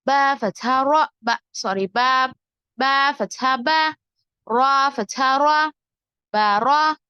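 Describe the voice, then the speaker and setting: A woman teacher drills Arabic letters and syllables, one careful piece at a time. Her voice sits high and moves very slowly. The recording is dry and a little dull. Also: sharp tone, clean tone, no echo. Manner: slow, deliberate syllable-by-syllable drilling. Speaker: Quran reading teacher.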